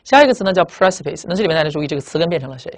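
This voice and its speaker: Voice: mid-range voice, animated. A teacher giving a classroom vocabulary lecture at a board, emphatic, asking rhetorical questions and spelling words out letter by letter. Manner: spells out letters and drags out target words slowly.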